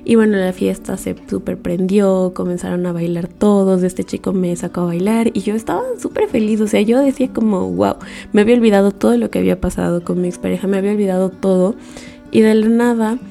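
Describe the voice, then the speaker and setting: A young woman telling a personal story in a relaxed way. She acts out her own past thoughts as quotes. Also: medium pitch, brisk, vocal fry, soft background music.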